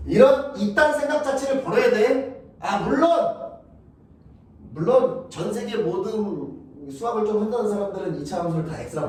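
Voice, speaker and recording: A man's voice: high-pitched, darkish tone, far from the mic, a little hiss or hum. Blunt, profane male math teacher, echoey classroom. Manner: blunt, crude and profane, keeps checking if students follow.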